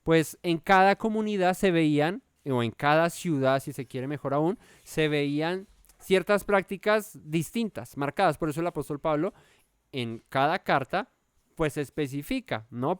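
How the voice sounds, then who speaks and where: A man's voice: medium pitch, clean tone, no room sound. A man teaching a verse-by-verse Bible study, thinking aloud with many fillers and self-corrections and often checking in with his listeners.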